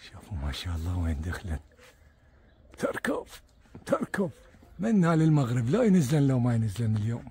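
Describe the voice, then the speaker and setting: A man with an Iraqi accent giving casual, excitable commentary to viewers as he films his pigeons outdoors, repeating words and dropping religious blessings. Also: medium pitch, a little fast, pauses often, breathy edge. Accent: Iraqi Arabic. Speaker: pigeon keeper filming his birds.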